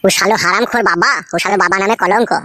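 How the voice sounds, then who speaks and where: A man's voice: high voice, very fast, pushed and bright, no room sound. A man voicing a sulky, defiant young son-in-law in a cartoon, muttering sullenly. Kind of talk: cartoon voice acting.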